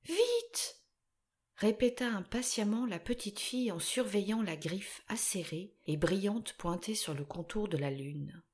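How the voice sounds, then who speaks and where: A woman reading a storybook aloud in a gentle, careful way. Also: mid-range voice, normal speed, few pauses. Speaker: narrator.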